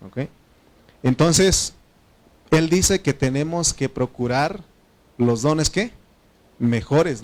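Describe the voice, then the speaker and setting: Mexican pastor preaching conversationally. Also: male voice, medium pitch, darkish tone. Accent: Mexican Spanish. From Oaxaca, Mexico. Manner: conversational, asks the congregation questions; frequent fillers and self-corrections. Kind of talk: sermon.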